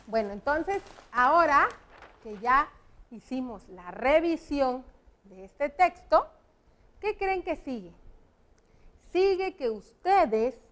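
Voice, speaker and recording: Female teacher, children's TV lesson; high, unhurried, step-by-step explanations. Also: fairly bright tone. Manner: patient, explains spelling rules step by step to children. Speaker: primary school teacher. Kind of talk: educational TV lesson. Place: TV classroom set with a whiteboard.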